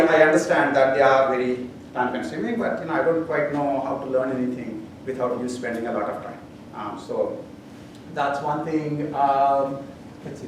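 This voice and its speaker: A man's voice: mid-range voice, noisy background. A man with an Indian accent, a university professor giving class announcements in a rambling way with many fillers and dry humor, heard from a distant camera in a lecture hall.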